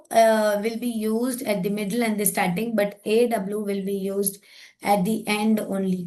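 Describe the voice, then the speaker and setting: Woman explaining spelling rules slowly. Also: mid-range voice, darkish tone. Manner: switches between Hindi and English, explains step by step, self-corrects. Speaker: teacher trainer. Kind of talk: spoken lesson for teachers.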